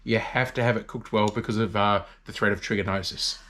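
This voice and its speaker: A man's voice: lowish voice, fairly even intonation, brisk, a bit bright. Easygoing Australian man. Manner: easygoing, matter-of-fact, greets viewers. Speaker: co-host of a farm livestream. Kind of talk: casual chat.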